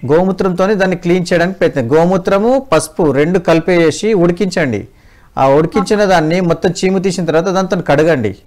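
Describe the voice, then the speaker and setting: A man's voice: high voice, brisk, darkish tone. A man, a doctor on a phone-in health show, patiently explaining remedies step by step to callers. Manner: patient, step-by-step instructing, calls callers mother. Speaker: doctor giving advice to callers.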